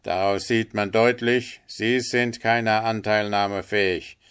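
A man voicing a quarrelsome male water rat in a storybook reading, shrill and indignant, shouting. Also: fairly even intonation, measured pace, clean tone.

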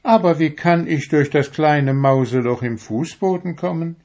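A curious little boy, as a man reading a storybook puts him on, eager and wide-eyed, speaking in a raised, youthful pitch with questioning lilts. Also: moderate pace, a little mellow, close to an everyday voice. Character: small boy in a dream.

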